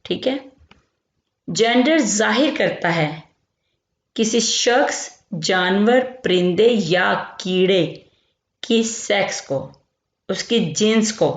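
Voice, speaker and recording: A woman from Pakistan teaching a grammar lesson. She explains slowly and keeps checking in as she repeats each term. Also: medium pitch. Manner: explains slowly, repeats terms, says "theek hai" often. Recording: lo-fi echoey room.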